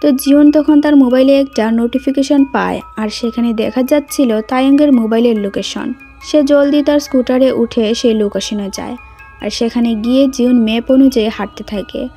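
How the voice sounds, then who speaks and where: A woman's voice: fairly high pitch, fairly even intonation, normal speed, mellow, soft background music. A woman retelling a film as a story, reading every character's lines in her own voice. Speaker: movie recap narrator. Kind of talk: storytelling narration with voiced dialogue.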